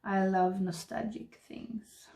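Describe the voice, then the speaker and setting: Seated at her desk before a webcam, a soft-spoken Swedish woman in her thirties rambles slowly through a get-ready-with-me chat, murmuring as she does her makeup at home. A beauty vlogger, she has a creaky, mid-range voice with a level tone, recorded indoors in her makeup room.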